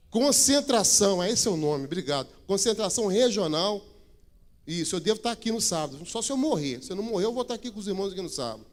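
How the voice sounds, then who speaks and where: Chatty pastor giving church notices. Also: male voice, high-pitched. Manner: chatty, joking with the congregation. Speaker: regional pastor. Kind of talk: church announcements and preaching.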